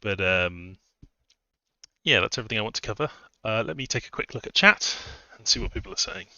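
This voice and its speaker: A man's voice: on the low side, animated, brisk, pushed and bright, no room sound, lo-fi sound. A man chatting casually on a live stream, rambling through his points with fillers, a little out of breath. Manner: rambling, conversational, many fillers and restarts. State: a bit out of breath. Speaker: streamer and game modder.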